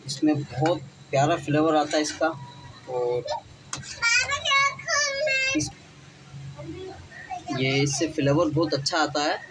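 A man's voice: a little high, fairly even intonation, slow, pauses often, heavy background noise. A man hosting a home cooking channel, talking through each step of a recipe in a casual, chatty way with frequent filler phrases.

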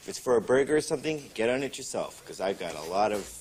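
A man's voice: on the low side, lively intonation, fast, darkish tone, breathy edge. A young man playing a lazy, sarcastic, self-absorbed teenage slacker in a TV sitcom, dry and whiny, drawing words out. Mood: dismissive. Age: young adult. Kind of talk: broad teen sitcom acting. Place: studio fast-food kitchen set. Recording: very noisy old TV sitcom recording. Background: studio audience.

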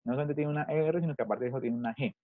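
A man teaching children over a video call, asking the same question again and again with patience. His voice comes through dull and slightly muffled, and it sounds very dry and close. He speaks at an everyday middle pitch. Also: rapid-fire, dry recording. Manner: patient, repeats questions to pupils. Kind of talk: online English class taught in Spanish.

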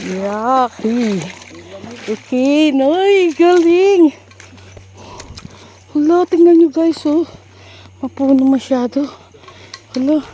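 A high-voiced woman talking slowly into a phone on a forest trail, out of breath and exclaiming at every turn. A faint hiss of outdoor noise sits under her voice, with a stream running nearby. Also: darkish tone. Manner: chatty, exclaiming, mixes English into Tagalog. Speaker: vlogger. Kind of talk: casual hiking vlog narration.

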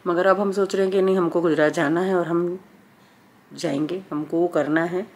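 A woman's voice: on the low side, fairly even intonation, moderate pace, a little mellow. A woman in her forties chatting casually to her phone camera at home, thinking aloud with many fillers. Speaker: vlogger. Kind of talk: casual vlog talk. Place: home interior. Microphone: phone camera at arm's length.

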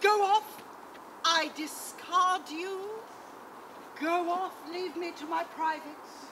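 A woman on an open-air stage playing a haughty, pompous female steward who speaks with slow, lofty disdain. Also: extremely high pitch, fairly even intonation, fairly bright tone, slight background noise, exaggerated voice. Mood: dismissive. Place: outdoor stage.

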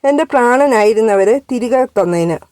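A woman's voice: a little high, expressive, moderate pace, a little mellow, no echo, studio quality, natural voice. A woman voicing a tender, affectionate young man in a read-aloud story.

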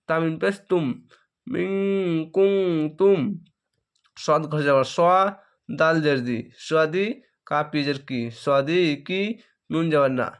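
A man teaching Quran reading, spelling each syllable aloud and then joining them, with drawn-out chanting of verses. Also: on the high side, clean tone. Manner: drawn-out melodic recitation of verses. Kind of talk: slow letter-by-letter Quran spelling lesson.

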